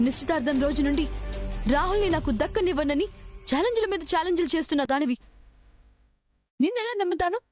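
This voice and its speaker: A woman's voice: very high-pitched, lively intonation, fast, pauses often, a little mellow, faint music behind. A jealous, threatening young woman. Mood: accusing. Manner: accusing, taunting, threatening. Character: jealous, scheming young woman hunting her fiance. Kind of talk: TV serial drama.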